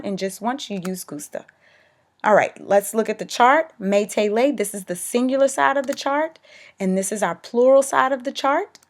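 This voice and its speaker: A young woman teacher giving a recorded lesson, explaining clearly and checking in with "okay" as she goes. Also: a little high. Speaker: Spanish teacher.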